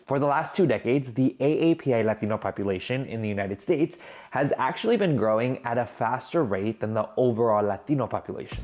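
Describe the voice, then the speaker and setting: A man's voice: mid-range voice, animated, a little fast, darkish tone. Man narrating a scripted explainer. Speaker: host and video journalist.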